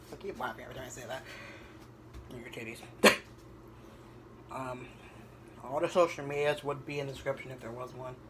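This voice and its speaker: A young man rambles through a casual home cooking vlog, hesitating often with ums. He speaks at an ordinary middle pitch. He is picked up by a camera sitting on the kitchen counter, with clear background noise in the recording. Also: steady tone, moderate pace, long pauses. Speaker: vlogger. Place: home kitchen at night, indoors.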